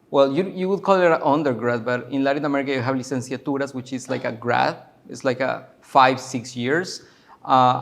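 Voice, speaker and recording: A man's voice: medium pitch, gravelly. A man in his forties from Guatemala, a curator giving a loose, chatty talk full of fillers and restarts at a university. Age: 40s. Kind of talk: casual public talk. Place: university lecture room.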